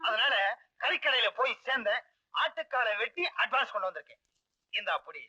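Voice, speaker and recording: An actor playing a sly, scheming young husband with a wheedling, evasive way of talking, from an old film soundtrack. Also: male voice, extremely high pitch, expressive, a little fast, sharp tone, dry recording, full character voice, rough recording. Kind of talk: 1980s Tamil film dialogue.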